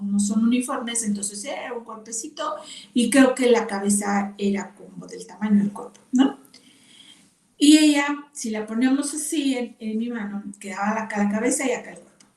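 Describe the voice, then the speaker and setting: An older woman, teaching a Bible class to women and telling personal stories with lively exclamations. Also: fairly high pitch. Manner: expressive storytelling with exclamations and laughter. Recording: echoey room from far off.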